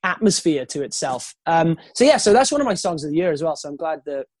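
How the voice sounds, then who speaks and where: A high-voiced man calls in by phone to a radio show. His talk is loose and rambling, full of "like" and "um", and the sound is dry and close with no room around it. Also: big pitch swings, fast talker, darkish tone, no echo. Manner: rambling, lots of "like" and "um" fillers. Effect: heard over a phone line. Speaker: radio show guest, band member. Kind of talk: casual chat.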